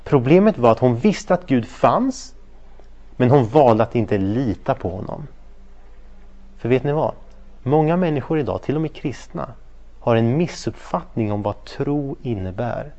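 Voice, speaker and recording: Animated Swedish-speaking Bible teacher, man. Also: mid-range voice, muffled recording. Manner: animated storytelling, acts out quoted voices, checks in with listeners often. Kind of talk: interactive Bible study lesson.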